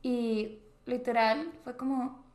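A young woman talks through a story in a casual podcast chat. She is dramatic and leans on fillers, her voice a touch high. The room echoes around her. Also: steady tone, slow, darkish tone. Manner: chatty, dramatic, many fillers like "o sea" and "tipo". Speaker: podcast co-host. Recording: roomy echo.

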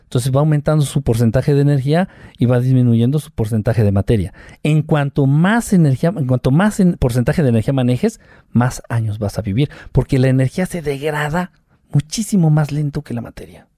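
A man's voice: mid-range voice, a little fast, no echo, studio quality. Mexican man telling stories animatedly. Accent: Mexican Spanish. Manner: animated storyteller who acts out quotes with sound effects. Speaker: guest, UFO contactee. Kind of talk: casual storytelling interview.

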